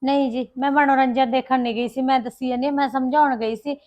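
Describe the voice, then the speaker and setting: A woman's voice: high voice, fairly even intonation, quick pace, darkish tone, natural voice. A woman playing a dutiful village wife in an amateur short film, explaining herself a little defensively. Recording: dull lo-fi sound.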